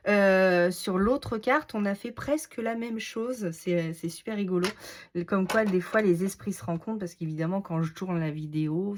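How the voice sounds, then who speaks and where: Slow-talking woman with a Norman accent. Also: mid-range voice. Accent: Norman French. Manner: thinks aloud and mutters to herself while working. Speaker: crafter showing card-making. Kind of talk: casual crafting tutorial.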